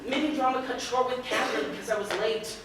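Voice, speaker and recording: A flustered, rambling young woman who is always on the defensive, played by an actress. Her voice sits a touch high. It is a stage play, caught by a distant mic in a very echoey room. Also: fast talker, heavy background noise, natural voice. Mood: weary. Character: frazzled put-upon young woman, Yvonne. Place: theatre stage. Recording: echoey stage recorded from far off.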